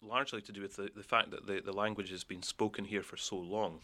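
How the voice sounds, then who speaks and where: A man with a deep, level voice explains things in a thoughtful interview. His tone is bright and forward. He keeps his delivery flat and steady, filling pauses as he thinks. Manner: thoughtful, with many "you know" fillers. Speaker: expert interviewee.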